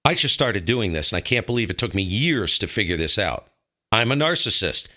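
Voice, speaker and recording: This northern U.S. ham radio host has a lowish, sharp voice and talks fairly quickly with lots of animation. In a casual, opinionated chat about operating radios, he drives his views home by saying things more than once.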